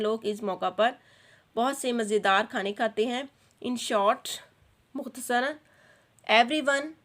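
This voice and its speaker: Slow, patient Pakistani woman teacher. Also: on the high side. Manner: reads English lines slowly, then translates each into Urdu. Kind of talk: textbook lesson explained to children.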